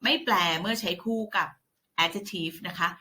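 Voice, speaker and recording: Slow, bright-voiced woman teaching grammar. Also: medium pitch. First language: Thai. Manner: patient, repeats polite particles. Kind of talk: classroom grammar lesson.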